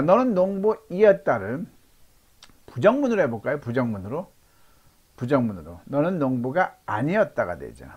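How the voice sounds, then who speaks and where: Male teacher, husky, very animated intonation; lecture drills, slow repeated model sentences. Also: mid-range voice. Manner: repeats example sentences slowly for learners to copy; asks the class questions and answers them himself. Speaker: English teacher.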